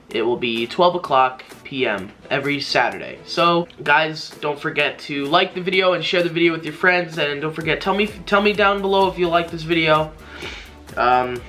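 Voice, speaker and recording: A bright-voiced young man of medium pitch, a YouTuber hosting a tutorial, talks casually to camera from a small indoor bedroom gaming setup. He rambles, repeating and rephrasing himself, while music plays in the background.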